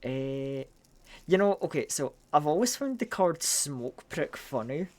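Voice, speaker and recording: Excitable Scottish game streamer. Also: medium pitch, measured pace. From Scotland. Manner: excitable, swears freely, stumbles and repeats words. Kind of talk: casual live-stream chat while playing.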